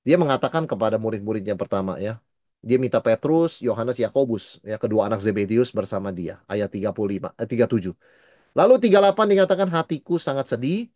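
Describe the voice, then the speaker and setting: Animated middle-aged man teaching scripture. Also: mid-range voice, no room sound, studio quality. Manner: lively, mixes in English words, acts out quoted voices. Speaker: pastor. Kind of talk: Bible study teaching.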